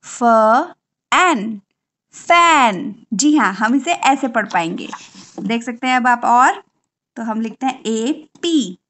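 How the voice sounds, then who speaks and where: A woman's voice: on the high side, expressive. Chatty woman teaching phonics. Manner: chatty, explaining, slowly sounds out letters. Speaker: teacher and channel host. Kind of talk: home tutorial lesson.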